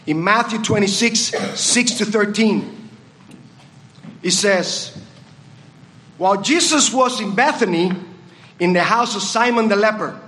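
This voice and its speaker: Here a man gives a thoughtful communion meditation in church, questioning the congregation as he goes. He has a Puerto Rican accent and a high-pitched, fairly bright voice.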